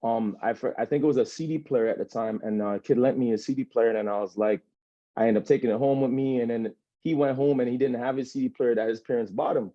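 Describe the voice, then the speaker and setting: Speaking fast in a dark, medium-pitched voice, a Jamaican man in his thirties rambles through his own account as an interview guest, peppering it with "you know what I'm saying". No echo is present, and the audio is dull lo-fi.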